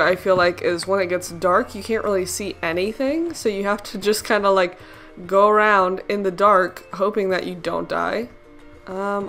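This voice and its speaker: A woman's voice: medium pitch, a bit bright. A young woman hosting a casual Minecraft let's play, talking through her moves in a chatty, giggly way with playful little sound effects. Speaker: gaming channel host.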